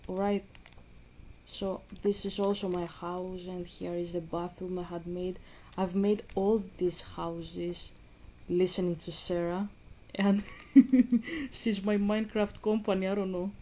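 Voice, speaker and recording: A woman's voice: fairly low pitch, fairly even intonation, slow pace, mellow. A woman with a Greek accent chatting casually as she plays a game, rambling and restarting her sentences. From Greece. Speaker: vlogger. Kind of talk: casual gaming commentary.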